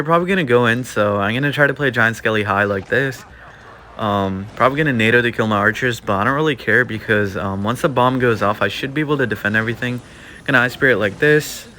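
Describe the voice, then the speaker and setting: This is a gaming YouTuber, a young man with a lowish voice, doing easygoing play-by-play of his own mobile game with lots of "like" and "um." He sounds as if he's slightly losing his voice, and a little hiss or hum runs underneath.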